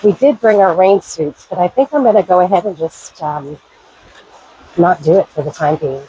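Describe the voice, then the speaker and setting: A woman with a head cold and a raspy, congested voice chats upbeat while filming a walk down a forest trail to a waterfall. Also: on the low side, normal speed, mellow, dry recording, rough recording. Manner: chatty, upbeat, pointing things out. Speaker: vlogger. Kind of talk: casual hiking vlog.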